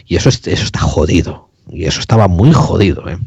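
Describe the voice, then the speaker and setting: A man's voice: low voice, expressive, quick pace, vocal fry, a little mellow, breathy edge, no echo. A man hosting a casual chat, telling stories and swearing freely, his voice a bit metallic. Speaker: host. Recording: slightly metallic, dull sound.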